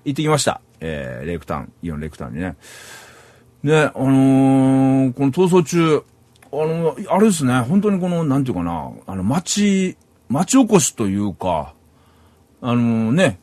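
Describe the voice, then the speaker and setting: A man's voice: mid-range voice, a little mellow, no room sound. A middle-aged man from Saitama, Japan, hosting a solo podcast in a rambling, casual way and chuckling at himself. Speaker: podcast host.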